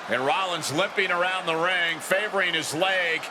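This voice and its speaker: A man's voice: high voice, moderate pace, noisy background. A man calling wrestling play-by-play as a commentator, in punchy, dramatic short calls. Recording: music and loud crowd behind. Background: loud music, arena crowd.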